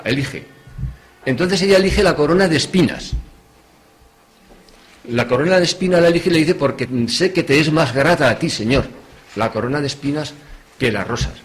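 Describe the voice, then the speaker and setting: A man giving a talk in a hotel meeting room, telling stories with lively swings between loud stress and quiet asides. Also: fairly high pitch. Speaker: speaker at a religious talk. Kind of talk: storytelling talk.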